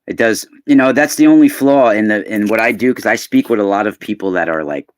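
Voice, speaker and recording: This live unboxing host, a man in his forties, has a lowish but youthful-sounding voice and speaks fairly quickly. Chatty and casual, he addresses viewers by name and gets excited in bursts.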